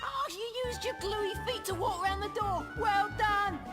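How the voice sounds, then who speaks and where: A woman's voice: very high-pitched, a little slow, over loud music. A woman voicing a cheeky, cocky young boy in a cartoon, brash and eager for adventure. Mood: pleased, confident. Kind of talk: animated cartoon voice acting.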